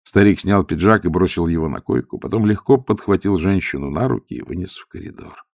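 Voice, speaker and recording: A man narrating an audiobook in an expressive storytelling manner. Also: sits low, a little fast, creaky, no echo, studio quality.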